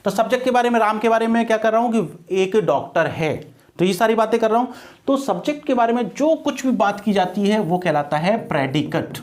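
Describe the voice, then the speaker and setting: A man's voice: sits high, expressive, a little fast, a little mellow. A man with an Indian English accent, teaching a grammar lesson to exam students, repeating each point and asking the listener questions. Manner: explains patiently, repeats points and quizzes the listener.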